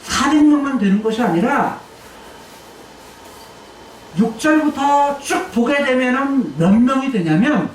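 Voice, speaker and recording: A woman pastor preaching a sermon, acting out quoted lines with sudden shouts and drops in her voice. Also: high voice, expressive, unhurried, long pauses, a little hiss or hum. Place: church sanctuary. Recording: echoey church hall mic heard from a distance.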